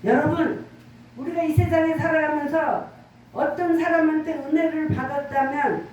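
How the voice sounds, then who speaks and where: High-voiced woman pastor preaching in an echoey room. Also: fairly even intonation, normal speed, darkish tone. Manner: earnest, conversational preaching with frequent call-and-response. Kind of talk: sermon. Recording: roomy, echoey church room from far off.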